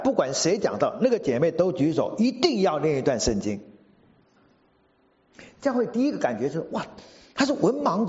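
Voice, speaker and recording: A male preacher giving a sermon, telling a story in an animated way and acting out what people said. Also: fairly high pitch, muffled recording. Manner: animated storyteller, acts out quotes.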